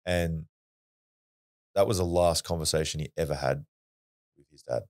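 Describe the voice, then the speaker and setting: A man's voice: rumbling low, fairly even intonation, moderate pace, a little mellow. An Australian man, a podcast guest, telling a personal story in a blunt, earnest way and swearing freely. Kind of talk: casual storytelling.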